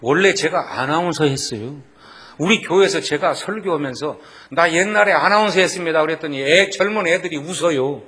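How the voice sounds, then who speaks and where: Folksy Jeolla-accented preacher, bright voice. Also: male voice, fairly high pitch, a little fast. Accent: Jeolla Korean. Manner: folksy, joking, rising to loud exclamations. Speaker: guest revival preacher. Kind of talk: sermon with jokes.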